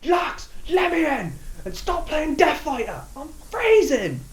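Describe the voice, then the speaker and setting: A man voicing a cold, furious young man who is shouting in exasperation. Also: extremely high pitch, huge pitch swings, unhurried, echoey room, pitched above the performer's own voice, heavily acted.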